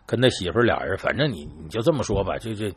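A man telling an old crime story in a chatty, lively way, talking straight to his listeners and acting out the quoted lines. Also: fairly low pitch, fast, breathy edge. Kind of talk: casual spoken storytelling.

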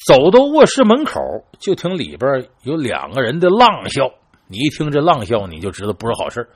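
Lively man telling a tale. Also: mid-range voice, fairly quick, husky. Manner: lively, chatty, addresses listeners directly, acts out quoted lines. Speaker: storyteller. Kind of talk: casual spoken storytelling.

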